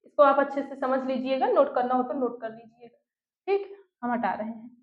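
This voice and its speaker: A woman teacher giving an online class, slowly putting questions and answering them herself, and dictating notes word by word. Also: high voice, animated. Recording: echoey room, tinny phone-like sound.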